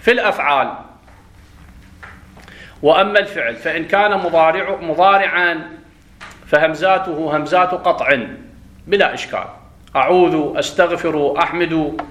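A man teaching a grammar lesson in a classroom. He drills pronunciation by contrasting right and wrong forms and checks understanding with quick questions. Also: a little high, a bit bright. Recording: roomy echo.

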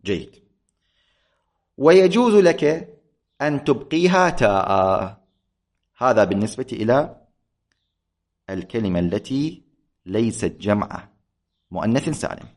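A man's voice: medium pitch, sing-song, unhurried, long pauses, darkish tone. A man, a religious teacher giving a grammar lecture, who explains patiently, repeats points and keeps checking that his students follow. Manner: patient, repetitive, checks understanding with questions. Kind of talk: classroom lecture.

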